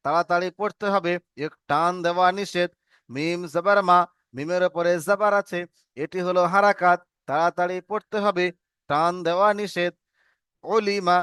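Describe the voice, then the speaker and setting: A man teaching an Arabic reading lesson, slowly drilling letters and syllables in call and response. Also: sits high, fairly bright tone, smooth, no room sound, clean studio sound.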